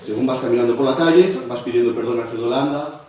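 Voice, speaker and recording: Performing stand-up at a university, a young man from Spain talks fast and slips into loud, high-pitched voices to impersonate others. His audience in the auditorium is laughing, captured in a noisy, distant recording with plenty of echo.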